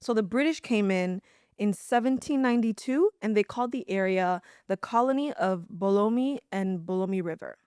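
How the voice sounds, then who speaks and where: A young woman hosting a podcast, telling history in a lively, dramatic way. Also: mid-range voice, normal speed, smooth, no echo, studio quality. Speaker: podcast host. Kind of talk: casual chat and storytelling.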